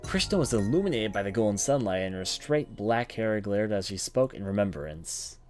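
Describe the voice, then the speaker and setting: Fairly low in pitch and darkish in tone, this let's play commentator reads a visual novel aloud at a moderate pace with animated delivery. His telling is dramatic but occasionally trips over words, and the game's music plays underneath.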